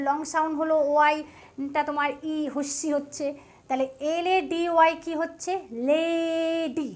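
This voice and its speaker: A woman teaching English spelling and pronunciation to students, explaining patiently step by step and often checking that they follow. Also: high voice. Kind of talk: spoken lesson to students.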